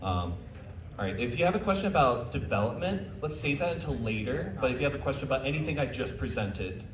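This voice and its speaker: A visual novel developer presents a convention panel, talking fast with lively intonation in a mid-range voice. He keeps it informal and jokey, fielding questions conversationally, while the distant mic gives a roomy sound with faint background noise.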